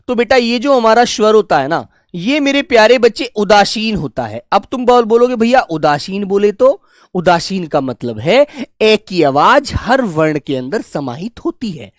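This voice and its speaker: A man's voice: high voice, big pitch swings, moderate pace, no echo, clean studio sound. A man teaching a Hindi exam coaching lesson, fondly calling his listeners "my dear children" and drilling sounds aloud.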